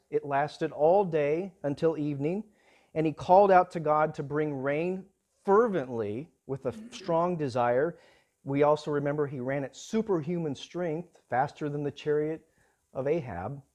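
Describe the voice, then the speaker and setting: A man's voice: on the high side, darkish tone. A man preaching a sermon in an earnest manner, his voice rising and falling in volume. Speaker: pastor.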